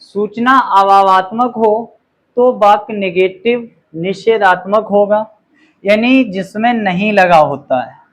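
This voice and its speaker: Pitched high, a man's voice slowly explains a grammar lesson, with example sentences read out very clearly and an "okay" to check in after each point. The audio is poor.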